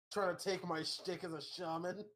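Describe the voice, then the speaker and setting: A man's voice: high voice, a bit bright. Profane joking male player. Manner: joking, quick profane banter. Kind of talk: casual tabletop chat.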